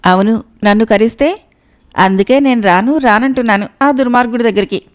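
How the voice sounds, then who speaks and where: A woman's voice: on the high side, a little fast, natural voice. Timid male porter, whiny, fearful, woman voicing him, storybook comedy.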